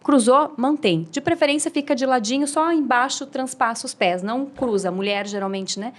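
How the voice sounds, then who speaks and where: As a podcast guest, a woman who works as a speaking mentor shares tips in a friendly, instructive way, demonstrating as she goes. Her voice is high-pitched and her pace moderate.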